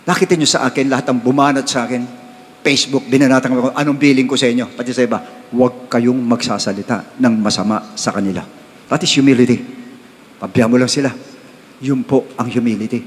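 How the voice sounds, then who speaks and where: A Filipino man preaching a sermon in a church hall, his mid-pitched voice trailing a long reverb. He mixes steady talk with sudden high bursts and drawn-out, stressed readings. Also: a little hiss or hum. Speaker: pastor.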